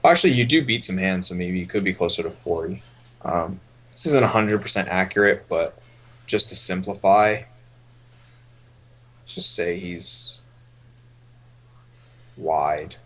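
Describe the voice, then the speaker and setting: A man coaching poker on a casual stream, thinking aloud in a relaxed way as he explains each hand. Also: low voice, a little slow, pauses often.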